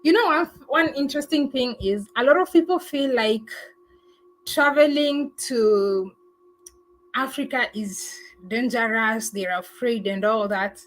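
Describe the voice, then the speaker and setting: A woman's voice: a little high, unhurried, poor audio. A woman travel vlogger chatting casually on a livestream, thanking viewers and answering their comments. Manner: chatty, thankful, laughs often, many fillers.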